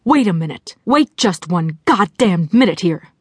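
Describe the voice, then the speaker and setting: A woman's voice: on the low side, moderate pace, a little mellow, no echo, clean studio sound, natural voice. A woman voicing a blunt, no-nonsense inner voice of an old female friend, talking furiously and with scorn. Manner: furious, disgusted, hectoring.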